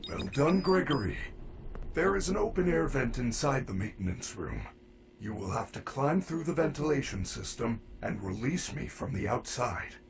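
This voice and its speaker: An actor playing a gentle, caring male robot bear mascot in a video game, speaking in polite, formal robotic phrasing. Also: medium pitch, very animated, moderate pace, noisy background. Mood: gentle, hushed. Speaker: game character.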